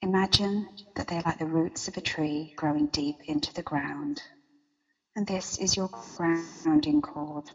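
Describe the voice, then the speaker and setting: A woman leading a guided meditation as a guide, with a slow, soothing countdown delivery. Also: sits low, darkish tone, husky, in a large hall, dull audio. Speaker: meditation guide and interview guest.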